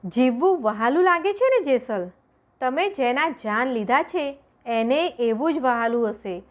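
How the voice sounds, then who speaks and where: A woman voicing a calm, devout holy woman who urges with gentle firmness in a storybook reading. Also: high-pitched, unhurried. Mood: firm coaxing. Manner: gentle, firm urging.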